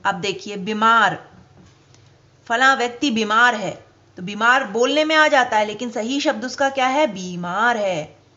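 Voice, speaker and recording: A woman teacher giving a spelling lesson to children, speaking slowly and deliberately and stressing each example word. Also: on the high side, pushed and bright, muffled recording.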